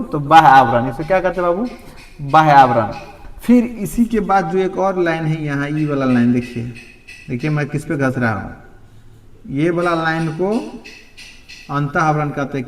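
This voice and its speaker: Hindi teacher drilling students, echoey room. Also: male voice, fairly high pitch. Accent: Bihari Hindi. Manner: drills students with repeated questions, calling them "babu". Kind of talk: classroom lecture at a board. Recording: roomy echo from a distant mic.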